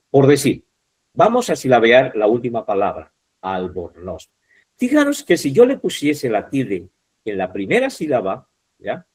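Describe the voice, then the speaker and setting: A man teaching an online class, explaining step by step, repeating key words slowly and checking in with short questions. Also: fairly low pitch, a little mellow, slightly rough. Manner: mixes vosotros and usted forms.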